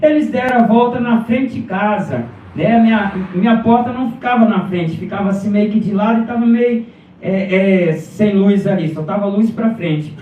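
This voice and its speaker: A man's voice: high-pitched, normal speed, slight background noise. A man from Brazil preaching a testimony, telling his story and often breaking in with praise to God. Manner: storytelling, frequent interjections of praise. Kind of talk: sermon testimony. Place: church sanctuary. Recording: far-off echoey hall, phone-like sound.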